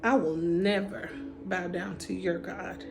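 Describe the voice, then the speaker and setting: A woman voicing a calm, defiant young man who refuses to bow. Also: lowish voice, slow pace, creaky, faint music behind. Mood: nonchalant. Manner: nonchalant, firm.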